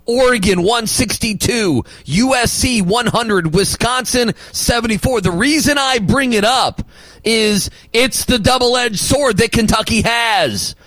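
A male sports radio host arguing basketball opinions and rattling off stats, with emphatic loud bursts. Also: very high-pitched, unhurried, dry recording, poor audio.

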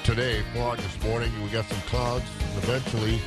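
A man's voice: medium pitch, level tone, moderate pace, over loud music. A man, a morning radio host reading weather and market prices in conversational, clipped phrases.

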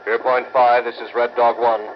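A man's voice: mid-range voice, little pitch movement, normal speed, a little hiss or hum. An actor playing a male navy task force captain, speaking in clipped radio procedure over a two-way radio transmission. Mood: formal. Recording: muffled distant radio sound.

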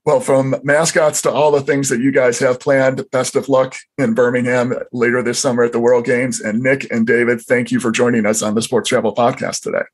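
A man's voice: medium pitch, level tone, fairly quick, hardly any pauses. A man hosting a podcast, asking questions and reading a polished outro. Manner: polished, clear delivery. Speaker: podcast host. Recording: faint music behind.

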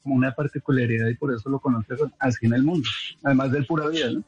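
A man from Bogotá, Colombia, with a Bogotá accent, calling in by phone and explaining things in a relaxed way. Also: mid-range voice, very fast. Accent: Bogotá Spanish. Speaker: caller, marine biologist. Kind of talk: phone-in conversation. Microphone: telephone. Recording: muffled lo-fi phone line.

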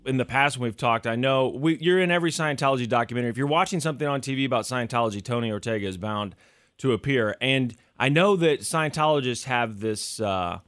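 A man's voice: medium pitch, fast talker, fairly bright tone. Casual male podcast host.

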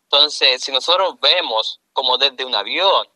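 Chilean man explaining in a bright voice. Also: mid-range voice, animated, a little slow, no echo, poor audio. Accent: Chilean Spanish. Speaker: guest. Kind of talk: interview answers.

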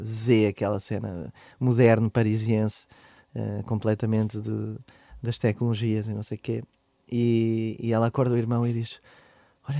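A European Portuguese man in his thirties, appearing as a podcast guest, tells a personal story in lively, casual talk, laughing, rushing ahead, then trailing off softly. His pitch is medium, with no echo.

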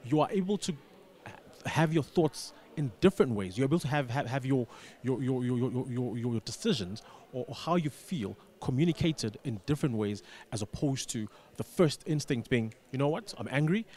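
On a radio interview, a male guest explains his answers in a deliberate way, often echoing a word or phrase while he forms his next point. His pitch is typical for a man, and he sounds expressive and a little mellow.

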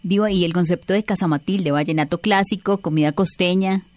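Quick low-voiced woman interviewer. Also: darkish tone, no room sound. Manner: brief, direct questions. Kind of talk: casual podcast interview.

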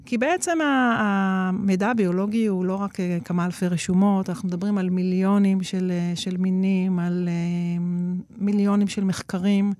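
Woman, expert guest, explanatory talk, many fillers, mid-pitched, dry sound. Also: steady tone, a little mellow, no room sound. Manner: explains at length, frequent hesitation fillers. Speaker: guest expert on nature-inspired innovation.

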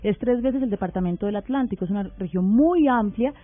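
A woman hosting a radio talk show, speaking in a measured, deliberate way and asking probing questions. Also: mid-range voice. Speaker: radio host. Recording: narrow phone-like radio sound with faint music bed.

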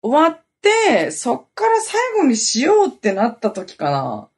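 A woman's voice: on the high side, huge pitch swings, unhurried, breathy edge. A woman hosting a podcast, telling a long story in a rambling, casual way with lots of fillers. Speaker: podcast host. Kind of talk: casual chat.

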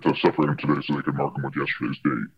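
A postal worker speaking through an electronically altered, disguised voice, answering interview questions in a matter-of-fact, halting way with fillers. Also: male voice, level tone, slightly rough. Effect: electronically altered, very deep disguised voice. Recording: muffled lo-fi video clip audio.

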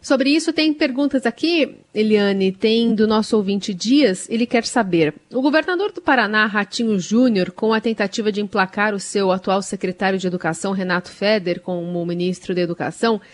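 Woman hosting a radio talk show. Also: mid-range voice. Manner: brisk questioning, tag questions.

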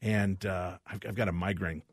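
A man's voice: low voice, normal speed, no echo, clean studio sound. A man from Illinois hosting a radio talk show, telling stories casually and acting out the voices in them. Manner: animated, acts out the voices in his stories. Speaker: radio host. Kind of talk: casual storytelling chat. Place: radio studio.

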